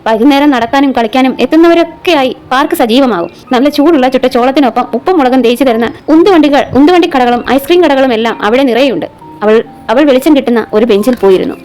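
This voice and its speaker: Female storyteller, brisk expressive reading, high-pitched, soft music bed. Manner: expressive reading, raises voice for dialogue. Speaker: storyteller and channel host. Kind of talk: reading a serialized story aloud.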